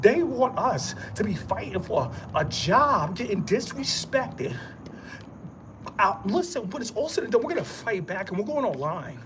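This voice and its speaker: A man delivers a rambling pep talk straight to the camera, hammering the same lines again and again in casual street slang. His voice swoops high and low, and a thin hiss of background noise runs beneath it. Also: very animated, moderate pace. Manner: repetitive, emphatic, streetwise slang. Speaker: vlogger. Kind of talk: rambling motivational monologue.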